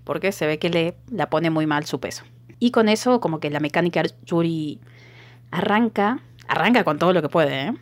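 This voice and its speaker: Argentine woman podcast co-host, low-ish voice, dry close sound, joking and animated. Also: normal speed, no echo. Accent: Argentine Spanish. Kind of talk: casual chat.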